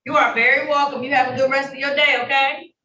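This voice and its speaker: This courtroom recording, roomy and distant with faint noise, captures a woman judge handling traffic court hearings; she is formal yet friendly as she announces charges and rulings. Her high-pitched voice holds a steady tone, she talks fast, and she sounds bright and forceful, though the highs are cut off.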